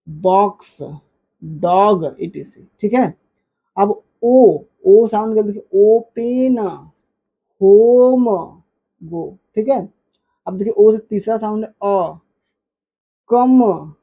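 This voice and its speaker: A woman teaching a phonics lesson, repeating example words slowly with stretched emphasis. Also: medium pitch, breathy edge, lo-fi sound.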